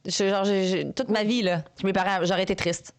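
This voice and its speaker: A woman with a Québécois French accent, co-hosting a podcast with teasing, quick banter. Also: medium pitch, steady tone. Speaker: podcast co-host. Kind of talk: casual chat.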